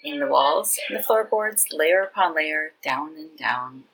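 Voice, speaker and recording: A woman casually reading fiction aloud, relaxed and chatty, stopping to correct herself. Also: sits low, measured pace, husky, poor audio. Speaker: reader.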